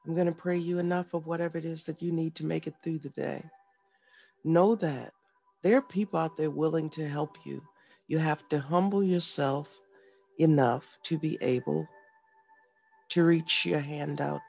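A man's voice: on the high side, steady tone, a little slow, gravelly, darkish tone. A man hosting a guided meditation and motivational segment, speaking to listeners directly in short, instructing phrases. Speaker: host of a morning wellness segment. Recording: dull lo-fi sound with music behind. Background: music.

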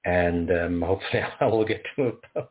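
A low-pitched South African man, a poet, reads his poems aloud in a measured, rhythmic recitation with pauses. The audio sounds tinny, as if over a phone.

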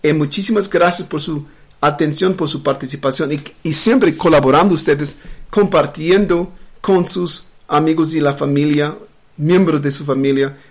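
A man with a fairly high voice leads a live-streamed bible study. He reads scripture aloud and then explains it, stopping and restarting often as he talks. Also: fairly even intonation. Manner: halting, many fillers and restarts. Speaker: bible teacher.

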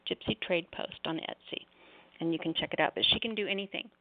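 With a gravelly, low-leaning voice and a fast delivery, a middle-aged woman rambles through announcements for a poetry open mic. She apologizes and interrupts herself, and her articulation is slightly off following jaw surgery. The audio sounds thin and roomy, like a phone line.

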